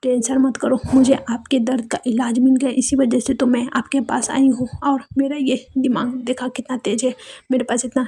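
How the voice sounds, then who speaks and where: A mischievous teenage girl, the cheeky little sister, full of wild ideas and pleading, played by a woman in a storybook retelling. High, soft and mellow, with little rise and fall. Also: level tone, moderate pace, slightly rough, full character voice.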